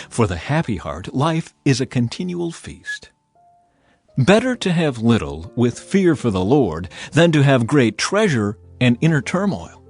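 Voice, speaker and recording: Reading scripture again as a dramatized audiobook narrator, the man uses a mid-range voice, and his delivery is grave, unhurried and full of expression.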